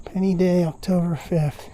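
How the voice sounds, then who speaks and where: Mellow-voiced man narrating a trail walk. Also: sits high, steady tone, moderate pace, a little hiss or hum. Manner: chatty, grumbling remarks to himself. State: a little out of breath from walking uphill. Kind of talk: casual running commentary while walking. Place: outdoors on a wooded trail.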